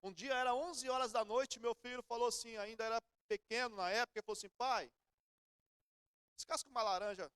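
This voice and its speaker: A man's voice: extremely high pitch, fairly even intonation, fast talker, few pauses, a bit bright, smooth, no echo, clean studio sound. A middle-aged Brazilian man preaching a sermon in church, telling everyday stories in a conversational way. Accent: Brazilian Portuguese. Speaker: pastor.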